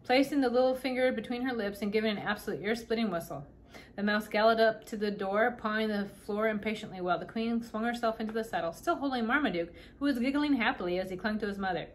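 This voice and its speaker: A woman reading a children's novel aloud, unhurried and gently expressive, doing little voices for the characters. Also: a little high, slight background noise. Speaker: storybook reader.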